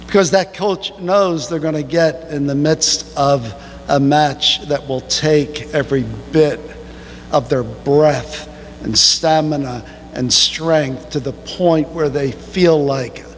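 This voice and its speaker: Slow, high-voiced preacher in a reverberant church. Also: male voice, slight background noise. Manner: slow, emphatic preaching with sudden rises in pitch. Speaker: pastor. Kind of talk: sermon. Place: church sanctuary.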